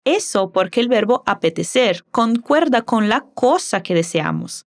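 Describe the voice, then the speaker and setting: Lively-voiced woman teaching Spanish. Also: a little high. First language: Portuguese. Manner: slow, careful modeling of words. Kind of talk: language lesson with repeat-after-me drills.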